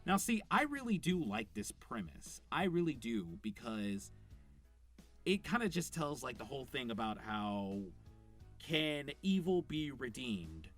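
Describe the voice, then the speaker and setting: A man's voice: medium pitch, sing-song, measured pace, fairly bright tone. Man, voice actor, unscripted commentary, enthusiastic, rambling, fillers, faint music behind. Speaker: voice actor reviewing a show.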